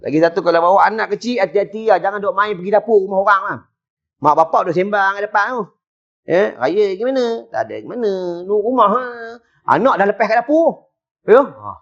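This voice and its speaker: A man's voice: sits high, fairly quick, fairly bright tone, muffled recording. A male preacher with a Malaysian Malay accent giving a humorous religious lecture in a mosque hall and often checking with his listeners. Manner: chatty, tags lines with questions to the crowd.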